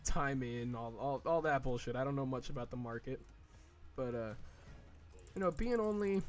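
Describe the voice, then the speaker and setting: Faint music plays behind a man's medium-pitched voice as he games and chats casually. In his early twenties and a gaming video creator, he rambles with many fillers, restarts, and swearing, slipping into slow, drawn-out mock whining for quoted asides.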